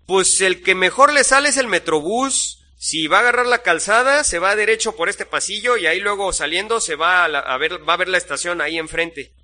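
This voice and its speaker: An offhand young Mexican man of about twenty, as the narrator puts him on, gives casual, halting directions. His voice sits higher than the narrator's own and stays bright. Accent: Mexican Spanish.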